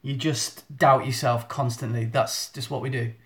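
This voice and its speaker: Here the same kind of phone livestream unfolds: a photographer answers questions in selfie mode, chatty, poking fun at himself, often starting over. His voice sits at medium pitch with fairly even intonation, and he keeps a moderate pace.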